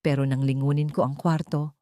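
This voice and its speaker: A woman reads a scripted first-person horror story in a low, mellow voice with little pitch movement and a brisk pace. The recording is very dry and close-miked.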